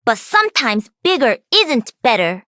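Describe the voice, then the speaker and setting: A woman's voice: fairly high pitch, sing-song, measured pace, a bit bright. A woman voicing a cocky, playful young pro gamer and mech pilot, perky and taunting, for a video game.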